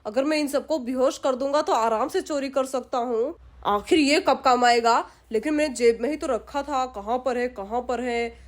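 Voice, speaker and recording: A woman's voice: high voice, moderate pace, voice pushed down, lightly acted. A woman voicing a greedy male village thief who mutters his plans to himself and gloats.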